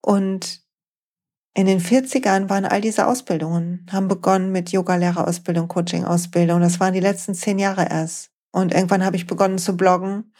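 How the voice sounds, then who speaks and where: A woman's voice: lowish voice, steady tone, fairly quick, a little mellow. Female podcast host, late 40s, motivational coach, speaks to listener directly, encouraging tone.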